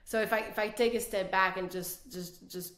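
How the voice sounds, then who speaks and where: Speaking earnestly as a guest executive on a podcast, a French-speaking woman from Quebec City, Canada, restarts her sentences many times. Her mid-range voice is fairly bright, with fairly even intonation and a moderate pace, heard in a roomy, echoing space.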